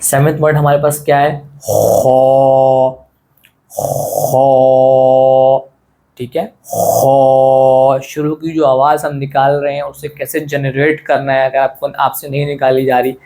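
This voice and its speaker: A man teaching an online lesson in a relaxed, friendly way, asking questions and answering them himself and often repeating his points. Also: a little high, brisk, hardly any pauses. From South Asia. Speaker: Quran teacher.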